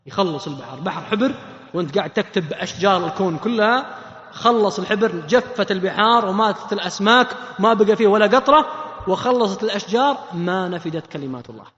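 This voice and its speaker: A man delivers a sermon in an animated way, often putting questions to his listeners. His voice sits high, and it rings with a long echo in a roomy space. The sound is muffled and dull. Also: fast. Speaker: preacher. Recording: echoey hall, muffled sound.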